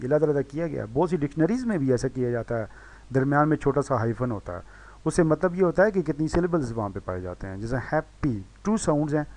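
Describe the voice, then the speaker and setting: A man teaching a recorded lesson, patiently repeating example words slowly and correcting himself with "sorry". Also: a little high, darkish tone. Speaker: English teacher.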